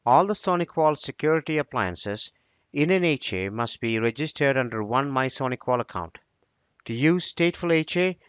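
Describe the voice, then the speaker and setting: A man narrating a scripted software tutorial in a steady, instructional way. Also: mid-range voice, smooth, no room sound.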